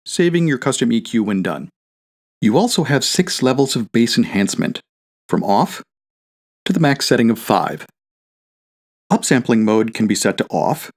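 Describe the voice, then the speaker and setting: A man with a mid-range voice reads from a script as a product demonstrator. He walks through the tutorial in a clear, step-by-step instructional manner.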